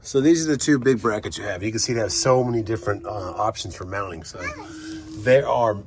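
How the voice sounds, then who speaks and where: A man's voice: fairly low pitch, fairly quick. A man in his thirties, a trucker vlogger, talking casually to camera as he explains a job on his truck. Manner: easygoing, thinking aloud while working. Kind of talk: casual family vlog and how-to talk.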